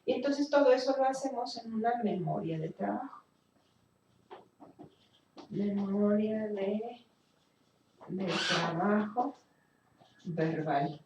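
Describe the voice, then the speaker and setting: A woman's voice: medium pitch, lively intonation, slow, long pauses, a little mellow, distant mic, muffled recording, a little hiss or hum. Woman lecturing in an echoey room. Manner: explanatory, thinking aloud with fillers and restarts. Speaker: speech therapy lecturer. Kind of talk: recorded class lecture.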